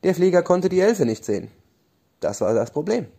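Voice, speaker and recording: Man narrating a bedtime story, gentle, dark warm voice, animated intonation. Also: sits high, moderate pace, creaky, husky.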